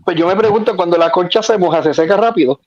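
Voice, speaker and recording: A man's voice: high-pitched, fast, over a noisy crowd. A Puerto Rican man co-hosting a podcast, joking playfully about words and how they are pronounced. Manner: playful, riffs on word pronunciations. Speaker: podcast co-host. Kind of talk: casual banter. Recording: dull lo-fi sound.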